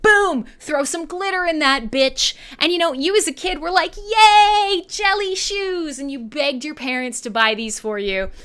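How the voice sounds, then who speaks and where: A woman in her thirties with a Canadian accent hosts a radio show, trading irreverent, sweary, sarcastic banter with listeners. Her voice is high and a little slow, with few pauses. She's animated and laughs often.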